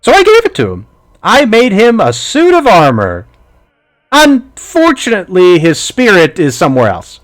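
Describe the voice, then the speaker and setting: A man's voice: high-pitched, huge pitch swings, moderate pace, pitched above the performer's own voice. A man voicing a scheming old female green hag in a tabletop game, gloating in a sing-song way.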